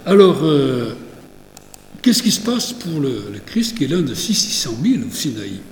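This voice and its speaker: A man's voice: fairly high pitch, very animated, unhurried, darkish tone, reverberant, in a large hall, slight background noise. A man giving a lecture on religious texts, digressive, with many fillers and restarts.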